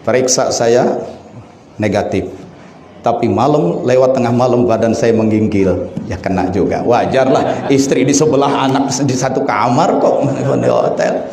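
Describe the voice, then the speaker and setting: A middle-aged male Sufi preacher, telling a story in a sermon and leaping into high, excited bursts. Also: normal speed. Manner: calls himself the one telling a sick man's story. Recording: echoey room with faint ambience.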